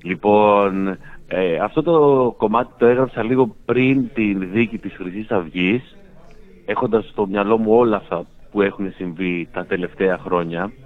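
A man calling in by phone, chatting casually with dry, mock self-important humor. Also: on the low side. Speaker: phone-in guest, radio station director. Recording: tinny phone line.

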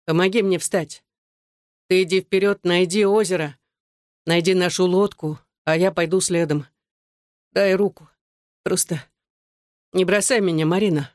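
A weak, feverish girl pleads in a hoarse near-whisper, put on by a woman reading a storybook. The voice sits a bit higher than the reader's own and sounds close and dry, with no room around it. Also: fairly even intonation, a little slow, pauses often, a little mellow, no echo, close to an everyday voice. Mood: weak pleading.

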